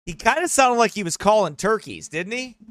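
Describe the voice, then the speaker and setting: A man's voice: high-pitched, brisk, dry recording, clean studio sound. A man pastor preaching a sermon, mocking what he describes and reading passages aloud. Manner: mocking, animated, reads quotes aloud.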